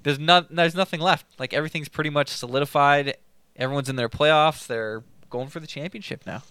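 A man's voice: on the high side, fairly quick, a bit bright, smooth, dry recording. A man co-hosting a casual fantasy hockey talk, giving player updates in a matter-of-fact way. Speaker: fantasy hockey podcast co-host. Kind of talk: casual chat.

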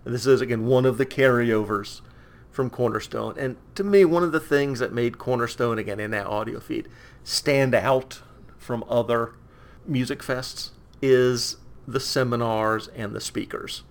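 A podcast co-host explaining things steadily, with a gravelly voice and frequent affirming murmurs. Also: mid-range voice, measured pace. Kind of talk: casual chat.

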